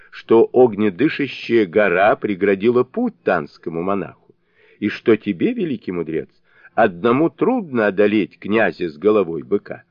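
A confident young warrior prince of heaven from an audio fairy tale, declaiming in a lively, raised voice, as a male narrator puts him on. The sound is dull and lo-fi, dry and close, with no room around it. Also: fairly low pitch, no echo.

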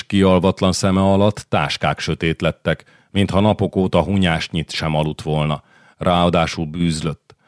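A man with a very low voice reads a historical novel aloud in a measured, even storytelling manner. The sound is dry and close, with no room around it. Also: no echo. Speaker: audiobook narrator. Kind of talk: scripted audiobook narration.

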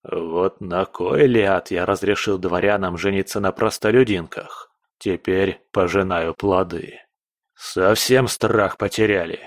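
A blustering older emperor, as a man puts him on, low and deliberately slow. He grumbles in a fussy, imperious way from a storybook reading. The sound is close and dry. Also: fairly even intonation, no echo. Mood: exasperated.

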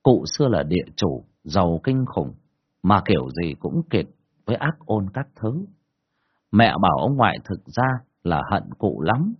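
A man telling a first-person ghost story in a colloquial, earthy, expressive way, in a dull lo-fi recording. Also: sits low, a little slow, breathy edge.

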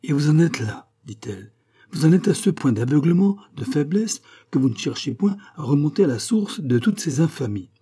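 A man's voice: fairly high pitch, sing-song, normal speed, dark tone, husky, pitched above the performer's own voice. Man voicing a scornful, bitter queen. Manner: indignant, cutting. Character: proud, bitter queen, middle-aged woman.

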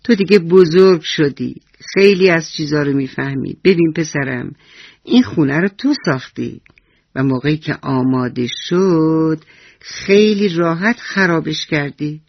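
A woman voicing a kind, patient old grandfather who speaks slowly and softly, on a dull lo-fi radio recording. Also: deep voice, dry recording. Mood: tender.

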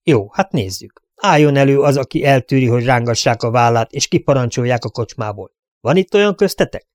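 A man's voice: mid-range voice, expressive, no room sound, close to an everyday voice. Commanding frontier sheriff, read by a man, firm and raised, dry close sound. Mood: challenging. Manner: questioning, challenging a crowd.

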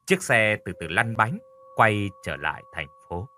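A man narrating a spooky story in a scripted, expressive storytelling style. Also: fairly low pitch, unhurried, slight background noise. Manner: expressive, voices characters lightly.

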